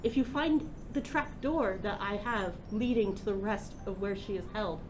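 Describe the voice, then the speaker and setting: A woman's voice: mid-range voice, normal speed, noisy background, lightly acted. A woman voicing a taunting, menacing old hag who poses riddles in a tabletop game. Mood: smug. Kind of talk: tabletop game role-play.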